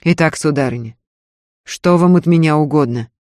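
A man voicing a gruff, contemptuous nobleman husband in an audiobook reading. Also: fairly high pitch, moderate pace, darkish tone, no echo, studio quality, lightly acted. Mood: weary scornful. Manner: curt and scornful, speaking through his teeth.

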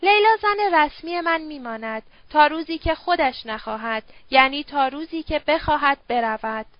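A woman's voice: high-pitched, animated, dry recording, lo-fi sound. A woman voicing a stern, guarded young man who speaks in curt, firm refusals. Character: stern young male Zoroastrian, guarded and protective.

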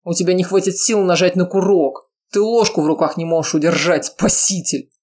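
A woman's voice: on the low side, steady tone, a little fast, a little mellow, close to an everyday voice. A woman voicing a cruel, enraged father who barks threats. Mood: angry. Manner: harsh, barking threats.

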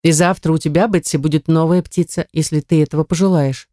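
A calm, wise mother of four girls, as a woman reader voices her, speaking in a patient, instructive way. Her voice sits fairly low and mellow. The recording is dry and close. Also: fairly quick, no echo, lightly acted. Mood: gently instructive. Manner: gentle, instructive.

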